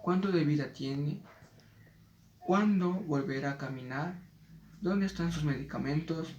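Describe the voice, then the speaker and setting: A man with a somewhat high voice reads a spelling lesson in a measured way. He slows down for the example words. He sounds a little off the mic, in an echoey room. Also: a little mellow, distant mic, lo-fi sound, slight background noise. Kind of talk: reading a spelling lesson aloud.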